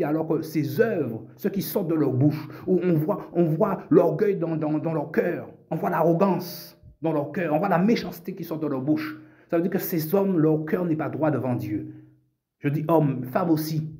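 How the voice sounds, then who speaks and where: A man's voice: a little high, normal speed, warm tone. A man preaching a sermon, insistent and repetitive, addressing his listeners directly as brothers and sisters.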